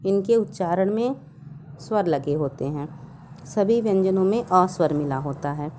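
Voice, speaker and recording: A woman school teacher giving a recorded grammar lesson, explaining slowly and asking her pupils questions. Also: mid-range voice, mellow, slight background noise. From North India.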